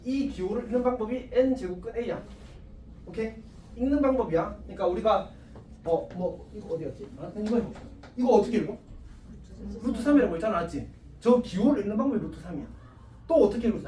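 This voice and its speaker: A male high school math teacher giving a casual classroom lecture, chatty and self-mocking, always checking with the class. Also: expressive, fast, mellow. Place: classroom with students. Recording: echoey classroom, distant mic, faint hiss.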